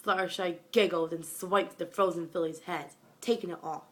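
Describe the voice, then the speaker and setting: A young woman, possibly still school age, reads fan fiction aloud in a dramatic, amateur style, recorded on a phone at home. Her lowish voice keeps a fairly even intonation at a moderate pace.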